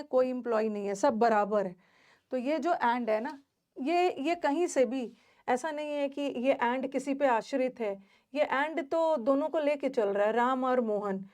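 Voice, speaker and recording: Lady teacher going over grammar with a class, bit high-pitched, repeats stuff and quizzes them. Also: darkish tone. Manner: explains step by step, repeats key words, asks the class questions.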